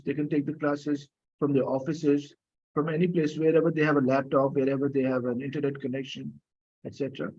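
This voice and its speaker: A man's voice: on the high side, a little mellow, lo-fi sound. A man teaching an online French class, patiently coaxing students for answers, with many fillers and coughs. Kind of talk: live online class lecture.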